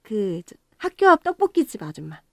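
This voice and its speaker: A woman's voice: medium pitch, very animated, moderate pace, a bit bright, no echo, clean studio sound. A woman voicing a kind, emotional young woman in her early thirties in a storytelling radio drama. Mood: earnest. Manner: pleading, emotional.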